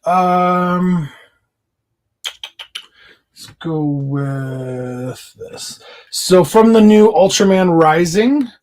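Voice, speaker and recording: A man's voice: fairly high pitch, a little mellow. A man talking casually in a collector haul video, chatty and enthusiastic, with many fillers. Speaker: collector vlogger.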